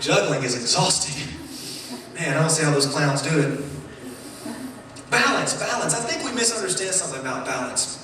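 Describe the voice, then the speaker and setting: A man preaching a sermon in a church, playful and animated, joking with the congregation as he talks. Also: a little high, normal speed, pauses often, background noise. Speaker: pastor. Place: church sanctuary. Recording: roomy echoing church hall, mic at a distance.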